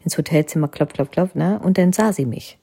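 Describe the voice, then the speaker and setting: A woman's voice: low-pitched, fairly quick, mellow, slightly rough. A woman telling the story of her own wedding in a casual, rambling way, tagging nearly every sentence with a questioning "ne". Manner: rambling, constant tag question "ne?".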